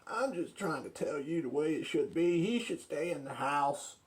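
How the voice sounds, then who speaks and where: A man's voice: a little high, expressive, moderate pace, lightly acted. A man playing a touchy, stubborn would-be author who argues insistently, in a comic skit of arguing with himself. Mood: offended. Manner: argumentative, insistent, repetitive.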